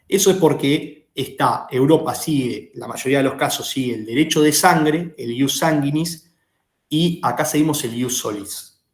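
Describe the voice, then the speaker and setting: A man's voice: medium pitch, normal speed, reverberant. A man with an Argentine Rioplatense accent teaching a law class, explaining concepts and asking the students questions. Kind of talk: lecturing a class.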